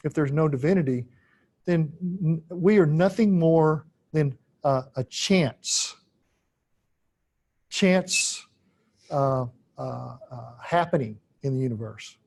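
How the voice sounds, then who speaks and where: Halting, deliberate male philosophy lecturer. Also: fairly high pitch, vocal fry, a little mellow. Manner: deliberate, halting with frequent "uh" fillers, repeats key phrases for emphasis. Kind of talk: unscripted lecture.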